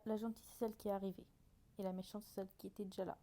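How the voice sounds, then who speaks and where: A woman's voice: medium pitch, little pitch movement, racing, mellow. A woman chatting casually and hesitantly as she reacts to her own old videos, often mocking herself.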